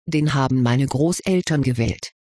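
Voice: mid-range voice, normal speed, a little mellow, no echo, studio quality, pitched below the performer's own voice, natural voice. A reader doing a fiery schoolgirl witch, Winona. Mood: indignant. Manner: blunt and indignant. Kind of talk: audiobook reading.

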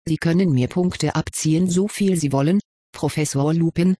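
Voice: mid-range voice, moderate pace, mellow, no room sound, studio quality, close to an everyday voice. A reader voicing a reserved teenage boy wizard student in an audiobook, answering in curt, cautious words. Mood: guarded. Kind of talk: audiobook character reading.

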